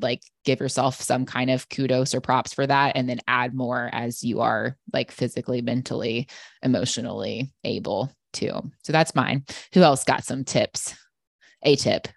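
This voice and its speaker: A woman's voice: a bass voice, fairly even intonation, moderate pace, creaky, no echo, clean studio sound. A woman hosting a podcast roundtable, chatty and laughing often between points. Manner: laughs often, conversational fillers. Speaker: podcast host. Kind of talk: casual roundtable chat.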